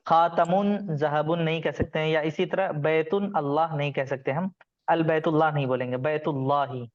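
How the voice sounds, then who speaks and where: A man's voice: on the high side, normal speed, dull audio. A man teaching an online grammar class, patiently explaining rules and calling on students by name.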